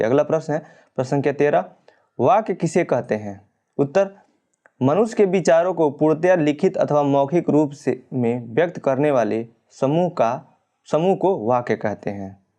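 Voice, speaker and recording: A man's voice: mid-range voice, fairly quick, dark tone. A male teacher steadily working through exam questions and answers, explaining each point and correcting printed mistakes. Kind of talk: exam-prep lesson reading questions and answers.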